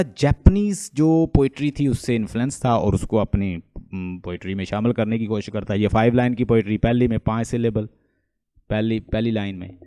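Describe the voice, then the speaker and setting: Male lecturer, mellow dry voice, lively teaching style, asks questions and answers them himself. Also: on the low side, no room sound. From Pakistan. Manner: mixes English terms into Hindustani speech. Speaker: English literature lecturer. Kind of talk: online lecture.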